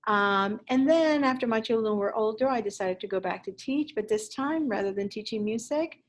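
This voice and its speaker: A woman's voice: a little high, moderate pace, low-quality recording. A woman in her fifties from Puerto Rico, a Spanish teacher recording a casual introduction for parents from her classroom, rambling a little with fillers. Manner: chatty, warm-hearted rambling with fillers.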